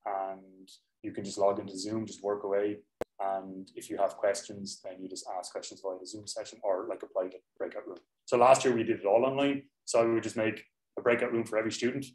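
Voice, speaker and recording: Recorded on a laptop mic resting on the desk, this informal university lecture comes from a young man with a fairly low, darkish voice. His talk is conversational and self-correcting, and the lecture hall has a noticeable echo.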